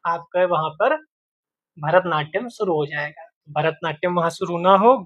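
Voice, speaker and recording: A man's voice: fairly high pitch, moderate pace, no echo, dull audio. A man teaching exam questions in a lecture style. He explains step by step, repeats key points and mixes in English terms.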